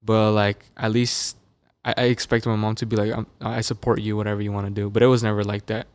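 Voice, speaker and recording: A young musician from Las Vegas, USA, guests on a podcast in a studio, recorded on a dynamic studio mic. His voice is lowish, fast and smooth. In this casual interview chat he tells stories in a relaxed, loose way, leaning heavily on fillers.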